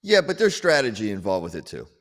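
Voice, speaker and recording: A man co-hosting a casual political chat show, talking in an animated, rambling way and often repeating words. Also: on the low side, quick pace, big-room sound. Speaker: podcast co-host.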